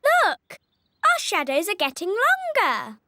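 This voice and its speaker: Squeaky little animal girl. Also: wildly swooping pitch, slow pace, very noisy, heavily acted. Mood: excited, puzzled. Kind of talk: British preschool cartoon voice acting.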